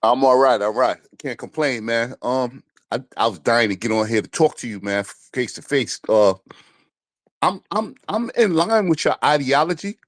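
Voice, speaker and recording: A man's voice: medium pitch, lively intonation, normal speed, no echo, studio quality. A man with a Brooklyn accent, a caller speaking in an informal, streetwise and insistent way in a casual debate. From Brooklyn, New York, USA. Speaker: caller to a talk show.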